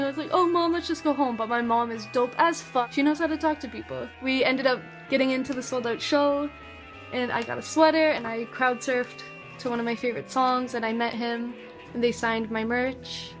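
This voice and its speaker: A woman's voice: fairly high pitch, steady tone, moderate pace, faint music behind. A teenage girl chatting casually and bubbly through a favorites vlog, using plenty of slang. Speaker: vlogger.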